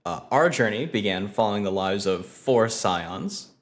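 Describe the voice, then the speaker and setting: A man hosting a tabletop game stream as game master, excitable and self-deprecating. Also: fairly low pitch, a little slow.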